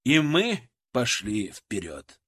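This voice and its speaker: A man reading an action story aloud in a dramatic, expressive narration. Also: mid-range voice, slow pace, husky. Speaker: audiobook narrator. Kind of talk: scripted narration.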